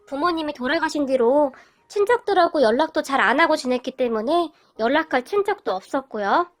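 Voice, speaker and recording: A woman reading a first-person family story aloud in an expressive, emotional way. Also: high-pitched. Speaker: story reader.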